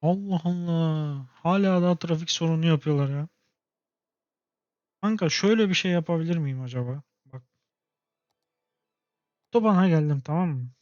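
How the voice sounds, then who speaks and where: Young male gaming host, casual and exasperated, slangy outbursts, slightly high voice, dull dry close-mic sound. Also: normal speed, pauses often, darkish tone, no room sound. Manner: exasperated, talks to himself and the game with slangy outbursts. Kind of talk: casual gameplay commentary.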